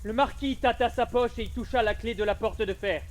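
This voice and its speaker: Man, stage narrator, steady vivid storytelling, fairly high voice. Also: fairly quick, slight background noise. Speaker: narrator and actor. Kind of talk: theatrical narration on an outdoor stage. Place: outdoors.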